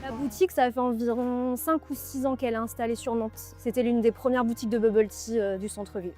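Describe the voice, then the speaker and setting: Woman, slightly high voice, relaxed and chatty, shop manager, faint music behind. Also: brisk. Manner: relaxed, chatty, laughs easily. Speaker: bubble tea shop manager. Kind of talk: casual interview answers.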